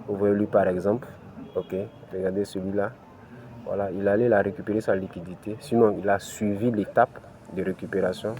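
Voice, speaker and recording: Brisk and level, with a dark, low-sitting voice, the crypto channel host takes viewers through his screen-recorded tutorial step by step amid slight background noise. His African French accent is clear, and "ok" and "voilà" crop up constantly.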